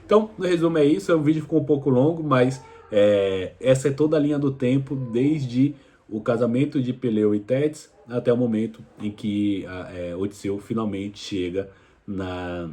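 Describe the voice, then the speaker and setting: A man's voice: mid-range voice, normal speed. A man hosting a history video, casually retelling an ancient story with loose, colloquial phrasing and frequent hesitations. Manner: relaxed retelling with frequent fillers and restarts; colloquial, addresses viewer directly. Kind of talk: casual educational explainer.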